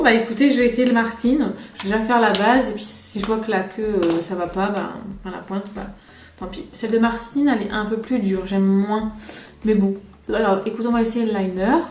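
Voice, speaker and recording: A woman from France talks fairly quickly in a darkish, medium-pitched voice while doing a casual makeup tutorial, filmed on a tripod. She's a vlogger who rambles and pokes fun at herself. Behind her, faint music plays in a roomy room.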